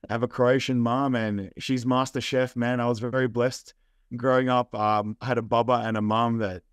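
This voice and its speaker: In a dry, clean recording, a young Australian man speaks at medium pitch with a level tone and moderate pace. Appearing as a guest in a casual interview, he rambles in a relaxed way, leaning heavily on fillers.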